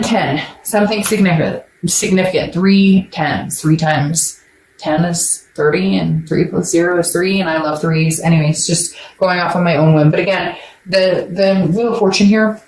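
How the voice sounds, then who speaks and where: A woman's voice: fairly low pitch, reverberant, slight background noise, rough recording. A woman giving a casual, rambling tarot reading to her viewers, blunt and joking, swearing now and then. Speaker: tarot reader.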